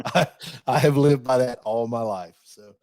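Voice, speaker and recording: A man's voice: medium pitch, unhurried, darkish tone, no room sound. A man co-hosting a podcast, chatting casually in a folksy way, with frequent laughs and repeated words. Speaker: podcast co-host. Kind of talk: casual chat.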